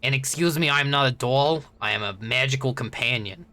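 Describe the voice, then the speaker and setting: A man's voice: medium pitch, brisk, pushed and bright. A man voicing a sassy tiny stuffed-toy magical companion with a brash, cheeky, informal manner in a tabletop game. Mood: indignant, brash. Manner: brash, informal wisecracks, calls master boss.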